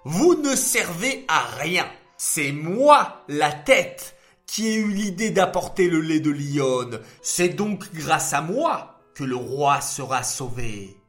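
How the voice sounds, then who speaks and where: A haughty head in a storybook, scolding the other body parts in an exasperated, raised voice, as a man puts it on. It speaks slowly with lively swings. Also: fairly high pitch, soft background music, full character voice.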